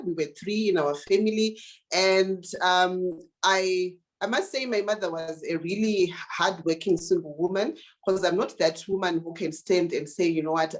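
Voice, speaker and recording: Low-voiced Zimbabwean woman telling her story. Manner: earnest, with many fillers and restarts. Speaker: guest, digital marketing consultant. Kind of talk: interview answers, personal story.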